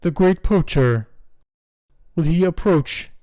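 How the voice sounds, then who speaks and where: A man playing a towering penguin king in a tabletop game, grave and commanding, with a loud and slightly raised voice. His tone is smooth, and it sounds close and dry. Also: on the high side, animated, no echo. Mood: solemn. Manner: slow, solemn and loud.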